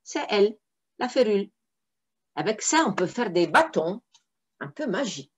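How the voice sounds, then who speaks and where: A woman reads a fairy tale aloud for young listeners, her pitch swinging in a very expressive way. She often breaks off to explain unfamiliar words in a friendly, teaching manner. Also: moderate pace, slightly rough, lo-fi sound. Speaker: storyteller.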